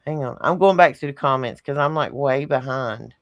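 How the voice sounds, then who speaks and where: A Southern woman co-hosting a live stream, with a gravelly, fry-laden voice recorded close and dry. She talks in a folksy, easygoing way, full of "ain't" and "y'all", calling out to her listeners. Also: extremely low pitch, moderate pace, no echo, lo-fi sound. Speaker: co-host of a live stream show. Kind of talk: casual live-stream chat.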